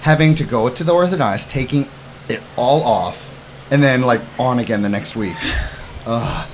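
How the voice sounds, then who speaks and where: A man's voice: mid-range voice, normal speed, a little hiss or hum. A man hosting a podcast in an informal, chatty, upbeat way, casually interviewing children. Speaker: podcast host, summer camp owner.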